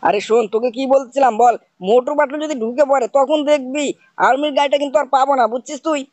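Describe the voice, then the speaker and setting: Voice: high voice, steady tone, fast, darkish tone, no room sound. A gaming host, doing playful commentary as a scolding uncle, forever asking if he is understood. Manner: scolding, repeats "bujhchhis?". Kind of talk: playful commentary over gameplay, playing the uncle.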